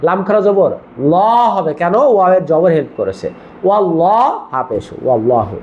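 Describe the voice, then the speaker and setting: A man's voice: sits high, sing-song, moderate pace, a little mellow, dull audio. A man teaching a Quran reading lesson, spelling out letters and asking and answering his own questions as he drills each word. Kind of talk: step-by-step recitation lesson.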